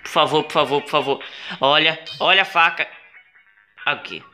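A man with a Brazilian accent doing gameplay commentary, exclaiming, swearing and pleading at the game, with sudden high yelps. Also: steady tone, moderate pace, sharp tone, soft background music. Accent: Brazilian Portuguese. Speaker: gaming video creator.

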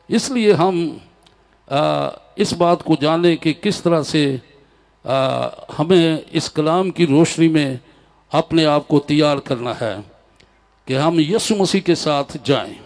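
An older man preaching a sermon from a church pulpit, slow and emphatic, repeating key phrases into a handheld mic. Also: sits high, a little mellow. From Pakistan. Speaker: pastor. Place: large church stage with a crowd.

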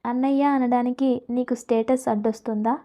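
A woman's voice: fairly high pitch, level tone, a little fast, natural voice. A woman voicing a wealthy older man who speaks directly and kindly. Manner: direct, warm-hearted.

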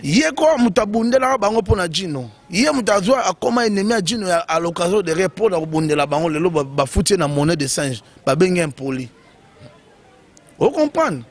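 A high-pitched man talks through music gossip in quick, emphatic bursts. He leans on fillers and keeps the tone casual and animated. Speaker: commentator. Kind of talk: casual commentary on music news.

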